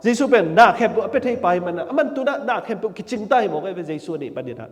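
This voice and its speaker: A man preaching a sermon in an animated way, often laughing and saying amen. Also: high-pitched, very fast. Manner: animated, with frequent laughter and amens. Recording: long hall reverb.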